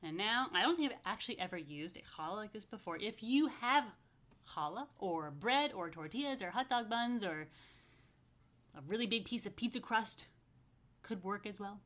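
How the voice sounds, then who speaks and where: At a moderate pace, a woman rabbi leads story time and blessings for young families. Her medium-pitched, fairly bright voice has lively intonation, and her talk stays informal, playful and simple for kids.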